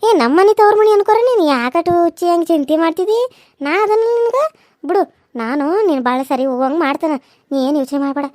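A woman's voice: very high-pitched, animated, fast, darkish tone, dry recording, clean studio sound. A woman voicing a caring older village woman who comforts and advises. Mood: reassuring. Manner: soothing, bossy-kind, reassuring. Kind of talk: cartoon serial voice acting.

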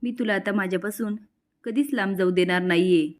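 A woman's voice: medium pitch, fairly quick, close to an everyday voice. A woman doing a tender young man in love.

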